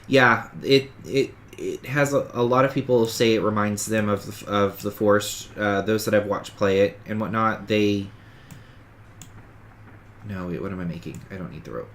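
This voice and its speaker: Pitched fairly low and a bit bright, this man talks at a moderate pace with slight background noise behind him. He's a streamer with a cold, nose stuffed and sniffling, narrating a survival game in casual let's-play style. He rambles, corrects himself, and walks through every move.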